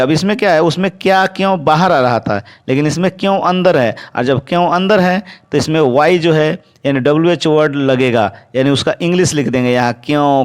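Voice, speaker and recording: Man slowly dictating grammar examples. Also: fairly high pitch. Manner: explains step by step, asks and answers his own questions; slows down sharply to dictate English example sentences. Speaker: English teacher. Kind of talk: spoken English grammar lesson.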